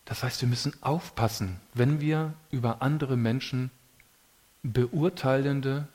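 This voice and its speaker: A man's voice: mid-range voice, measured pace. Preacher man, conversational sermon. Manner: conversational, colloquial preaching with lively emphasis.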